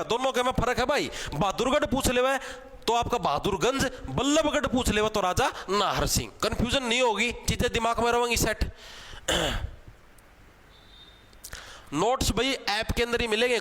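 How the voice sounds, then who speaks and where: A man's voice: very high voice, a bit bright. A young man with a Haryanvi accent teaching an exam class, chatty and joking, calling his students brother. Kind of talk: live online class with memory tricks.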